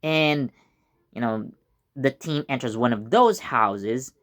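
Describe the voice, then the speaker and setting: A man's voice: medium pitch, slow pace, a bit bright. A man hosting his channel, casually reviewing a TV episode in a chatty, rambling way with lots of fillers and self-corrections.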